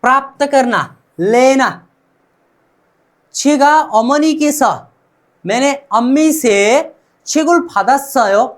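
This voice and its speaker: A man teaching Korean pronunciation in a classroom-style lesson, asking "what?" and answering himself and repeating each sound several times. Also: very high voice.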